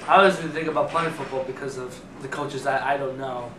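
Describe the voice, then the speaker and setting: A man's voice: mid-range voice, fairly even intonation, quick pace. A teenage guy co-hosting a casual sports chat, talking in a hesitant, chatty way. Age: teens. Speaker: student co-host. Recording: roomy distant mic with clear background noise.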